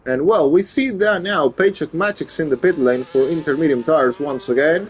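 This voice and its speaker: A man's voice: a little high, moderate pace, slightly rough, faint music behind. A man commentating live on a motor race as a motorsport commentator. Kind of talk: live sim racing commentary.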